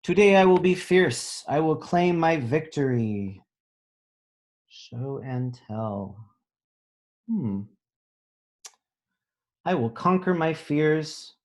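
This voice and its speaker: Reading a picture book to children, a male elementary school teacher is expressive and animated, pausing to put things in simple words. He speaks at a fairly high pitch.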